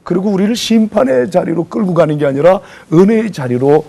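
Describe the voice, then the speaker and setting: A man's voice: high voice, brisk, creaky. A man preaching a sermon lecture to a congregation, asking them questions and acting out voices as he tells stories. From South Korea. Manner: animated preacher acting out voices, calls for audience replies. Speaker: pastor.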